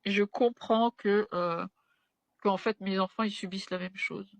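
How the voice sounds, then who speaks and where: A mother giving a halting personal testimony to an interviewer, retelling conversations. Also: mid-range voice, steady tone, gravelly, dry recording. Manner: halting, retelling with quoted dialogue.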